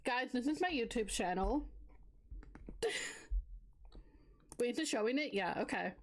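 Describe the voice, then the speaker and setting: A bubbly young woman streamer with a slightly high voice, chatting at an unhurried pace. She giggles often and narrates what she is doing in a casual, chatty way. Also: lively intonation. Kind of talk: casual live-stream chat.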